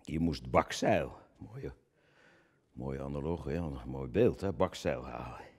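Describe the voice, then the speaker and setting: Husky man in a theatrical stage monologue. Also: animated, unhurried, a little mellow. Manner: swings from booming declamation to low muttered asides; stammering, repeats words. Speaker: cabaret performer.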